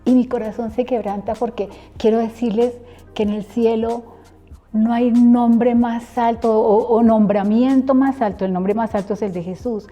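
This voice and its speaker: Woman, middle-aged, preacher's testimony, acts out remembered dialogue, warm tone. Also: fairly high pitch, steady tone, normal speed, lo-fi sound, faint music behind. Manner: earnest storytelling, acting out remembered dialogue. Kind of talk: personal testimony interview.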